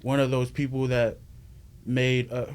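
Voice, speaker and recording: A man from the Bay Area in California, a guest on a casual podcast, talking about his fashion brand in a soft, unhurried way that trails off. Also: medium pitch, monotone, smooth.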